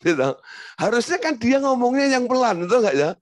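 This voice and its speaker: A man's voice: very high voice, lively intonation, a little fast, no room sound, studio quality. A male pastor preaching a sermon, telling a story, acting out quotes and asking the congregation rhetorical questions.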